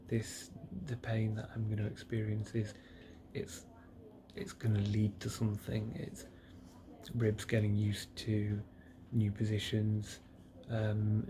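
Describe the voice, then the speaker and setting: Sleepy and unhurried following surgery, a patient vlogger reflects aloud to himself in a subdued, faltering way, his words trailing off. His pitch is fairly low. He records alone indoors in a private hospital room on a device with a screen, with noisy ambience in the room.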